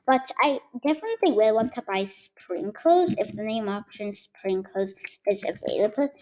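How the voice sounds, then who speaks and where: A woman's voice: mid-range voice, lively intonation, normal speed, darkish tone, rough recording. A woman chatting casually while playing a game, rambling with many fillers and teasing her viewers. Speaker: gaming YouTuber. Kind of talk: casual gameplay commentary.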